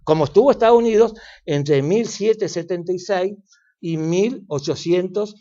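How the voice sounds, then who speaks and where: High-pitched and dark in tone, this older man speaks at a moderate pace in a muffled recording. With an Argentine Spanish accent, he explains things as an expert interview guest, lecturing at length amid fillers and restarts.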